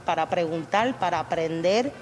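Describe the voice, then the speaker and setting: A woman's voice: fairly low pitch, normal speed. Caribbean Spanish-speaking woman in an echoey hall. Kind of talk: casual interview remarks. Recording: echoey hall with music behind.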